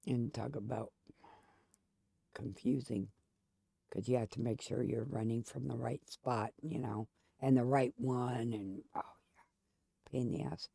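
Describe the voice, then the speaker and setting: A woman with a gravelly, mellow voice talks casually over her gameplay. She rambles from one story to the next, restarting sentences as she goes. The sound is dry and close. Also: a bass voice, steady tone, measured pace, long pauses, no room sound. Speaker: gaming channel host. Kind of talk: casual chat while playing a game.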